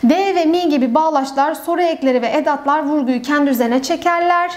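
A woman's voice: sits high, fast. A young woman teaching an online grammar lesson, who explains step by step and asks and answers her own questions.

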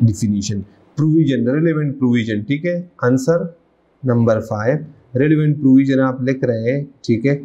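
A man's voice: mid-range voice, moderate pace, mellow, muffled recording. A middle-aged man with a Pakistani accent teaching an accounting class, reading out English legal text and quizzing his students as he goes. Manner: mixes English legal text into Urdu explanation, asks students questions. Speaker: accounting lecturer. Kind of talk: classroom lecture.

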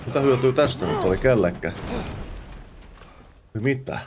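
A gamer host with a medium-pitched, expressive voice is heard over background noise. During his let's play he mutters and chats to himself as he plays, peppering it with English exclamations and curses.

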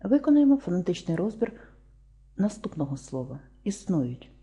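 A Ukrainian woman teaches a lesson, breaking each word down sound by sound. Her voice is very dark and mellow, with a husky edge, pitched a little low. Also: big pitch swings. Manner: slow, deliberate, spelling out sounds one by one.

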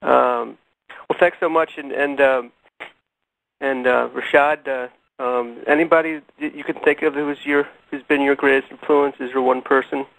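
A man, a reporter, asking casual, halting questions on a conference call. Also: medium pitch, fairly even intonation, vocal fry, fairly bright tone, poor audio. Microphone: telephone on a conference call.

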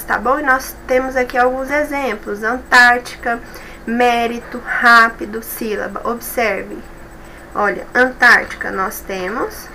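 A Brazilian Portuguese-speaking woman teaches a review class with a bright, clear voice set a little high. She explains step by step and keeps checking in with her listeners. A faint hum of background ambience sits under her voice. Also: rough recording. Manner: patient, explanatory, checks in with tags like "certo?" and "tá bom?". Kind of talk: online class review lesson.

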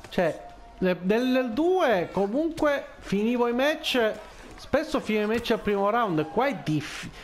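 A man giving casual gameplay commentary, muttering to himself and repeatedly urging calm as he plays. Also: extremely high pitch, slow.

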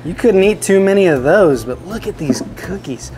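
A man hosting a kids' show on a bakery tour, excitable and talking straight to the viewers. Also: high-pitched, normal speed. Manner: excitable, exclaims often, talks straight to the viewers. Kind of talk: upbeat presenting to kids. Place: indoor bakery and commercial kitchen.

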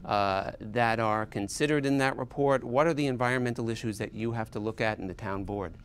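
A man in his fifties interviewing a guest in a studio, often halting and repeating words as he starts his questions. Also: medium pitch, smooth. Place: small studio set with armchairs.

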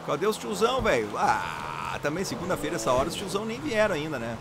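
A young adult man with a Brazilian Portuguese accent, giving casual, jokey game commentary with sudden loud exclamations. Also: on the high side, sing-song, fast. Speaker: gameplay commentator. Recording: loud game car noise behind voice.

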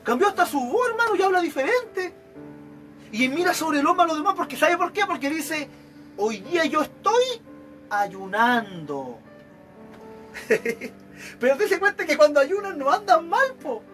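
A man with a Chilean accent delivers an evangelical sermon in a high voice. He keeps mimicking the people he talks about, so his pitch leaps and falls. Soft music plays under him. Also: brisk. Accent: Chilean Spanish. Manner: animated, acts out examples of church members. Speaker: preacher.

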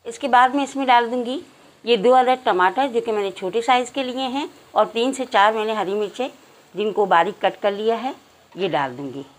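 A woman hosting a cooking channel, giving calm step-by-step recipe instructions to her viewers in a home kitchen. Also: fairly high pitch, normal speed, rough recording.

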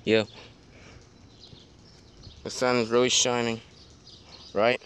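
A young man with a middle-pitched voice improvises slangy, playful conversations between plush toys. He talks casually, as in a homemade backyard video. The handheld outdoor recording has clear noise behind the voice. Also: level tone, slow, fairly bright tone. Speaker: puppeteer voicing plush toys. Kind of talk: improvised plush toy play dialogue. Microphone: handheld phone or camera close by.

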